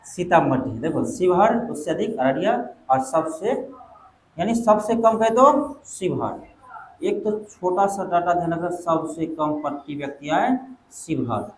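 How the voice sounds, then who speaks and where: High-voiced teacher. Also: male voice, lively intonation, a little hiss or hum. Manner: quizzes students, quick back-and-forth questions. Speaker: exam coaching teacher. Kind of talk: classroom lecture. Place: classroom. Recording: echoey classroom.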